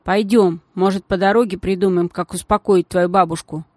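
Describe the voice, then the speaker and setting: Женщина озвучивает в аудиокниге вспыльчивую девочку лет двенадцати с писклявым голосом. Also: female voice, fairly even intonation, a little mellow, no echo, clean studio sound, lightly acted. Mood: wry. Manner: squeaky, quick to flare up. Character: excitable schoolgirl of about twelve.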